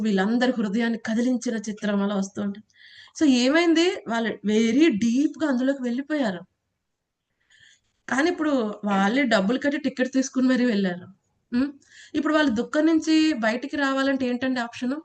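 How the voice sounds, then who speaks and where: Woman, devotional teacher, fairly high pitch, conversational, questioning. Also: fairly quick, a little mellow. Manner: conversational, asks the class questions, laughs, acts out quotes. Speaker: Gita teacher. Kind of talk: devotional class lecture.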